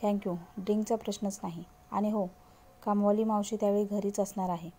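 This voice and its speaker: A woman's voice: mid-range voice, fairly even intonation, fairly quick, dark tone, natural voice. Remorseful pleading man, read by a woman narrator. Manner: pleading, apologetic.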